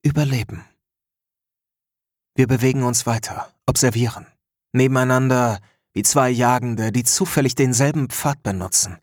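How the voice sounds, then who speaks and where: A man narrating a story in the first person, measured and introspective. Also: mid-range voice, dry recording, clean studio sound.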